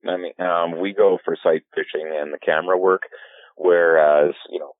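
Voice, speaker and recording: A man, a fly fishing guide and filmmaker, answering in a relaxed podcast interview and rambling through many restarts. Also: deep voice, normal speed, dry recording. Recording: tinny phone-like line.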